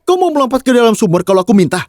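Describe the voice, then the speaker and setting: Protective hot-headed husband, scolding and pleading, lively swings, dry sound. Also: male voice, very high voice, very fast, no room sound. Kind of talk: dubbed TV drama.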